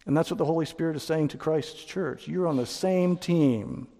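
A man's voice: fairly high pitch, normal speed. Emphatic male pastor in a reverberant church. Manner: emphatic, rising to loud peaks. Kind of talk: sermon. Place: church sanctuary.

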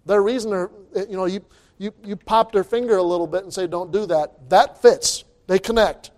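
A man's voice: high voice, moderate pace, darkish tone. A man preaching an informal sermon as a pastor, emphatic and folksy, repeating phrases and restarting his sentences. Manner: folksy, colloquial wording.

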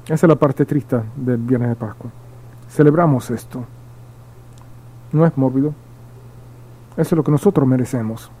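Dark-voiced man preaching a sermon. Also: mid-range voice, moderate pace, long pauses, poor audio. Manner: reads verses aloud, then explains them with repeated emphasis; slips and restarts at times. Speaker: pastor. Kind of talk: midweek sermon with Bible reading.

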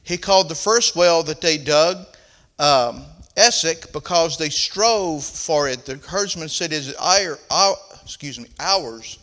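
A man's voice: a little high, measured pace, a bit bright. An older man with a Southern accent preaching a sermon in a folksy style, reading scripture and rising into emphatic points. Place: church platform, roomy.

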